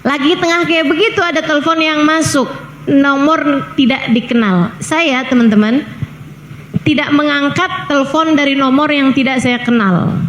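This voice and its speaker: A woman's voice: high voice, moderate pace, fairly bright tone. A middle-aged woman preacher giving an informal religious talk, telling a story in a chatty way with joking asides. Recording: echoey hall, faint background noise.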